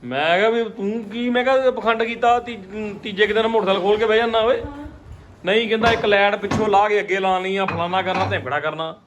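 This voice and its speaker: A family vlogger with a Punjabi accent chats and jokes around at home, often saying things twice. His voice is high and a bit bright, fast, with fairly even intonation, captured in a noisy handheld recording on the phone he's holding.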